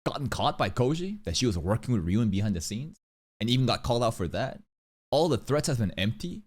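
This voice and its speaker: A man's voice: mid-range voice, big pitch swings, a little fast. A young man giving casual anime reaction commentary in a slangy, sweary manner.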